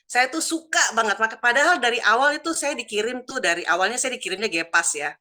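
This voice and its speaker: A woman's voice: on the high side, quick pace, pushed and bright. A woman, chatting casually over a video call as she tells a personal testimony and acts out the dialogue in her story. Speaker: church member sharing a testimony.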